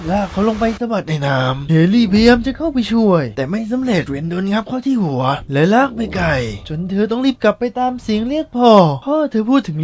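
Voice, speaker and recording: A man narrating a recap of a horror film in a fast, vivid storytelling manner. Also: high-pitched.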